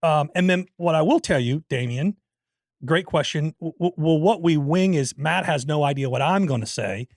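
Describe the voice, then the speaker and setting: A man's voice: fairly high pitch, normal speed, no room sound, clean studio sound. A man co-hosting a podcast in casual banter, jokey and self-deprecating, reading listener mail aloud. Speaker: podcast co-host.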